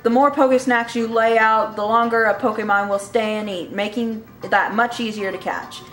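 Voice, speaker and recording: A woman's voice: a little high, steady tone, moderate pace, a bit bright, roomy sound, faint music behind, natural voice. A woman voicing a boastful male inventor, reading game text aloud in a showman tone and now and then stumbling over words.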